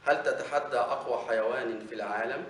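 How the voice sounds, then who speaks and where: A man's voice: medium pitch, fast, fairly bright tone, lightly acted. A man voicing a proud, bragging young male elephant in a children's story, reading it aloud. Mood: boastful. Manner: raised, boastful storybook voice. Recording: echoey room, distant mic, faint noise.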